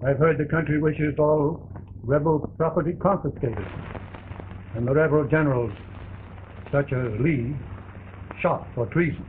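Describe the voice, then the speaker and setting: An actor playing a stern military officer in an early talkie film, speaking formally and in measured phrases. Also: male voice, on the high side, lightly acted. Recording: tinny, noisy early sound film track.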